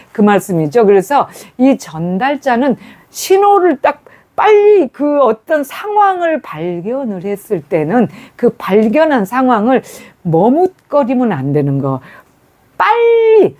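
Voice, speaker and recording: Lively, mellow-voiced woman preacher. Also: on the high side. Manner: hesitant, many fillers and restarts, storytelling. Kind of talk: sermon.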